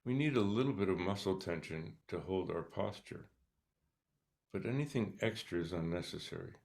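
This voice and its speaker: Man, guided meditation teacher, deep voice, gravelly, slow soft calm delivery. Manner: slow, calm, soft-spoken instructions with pauses.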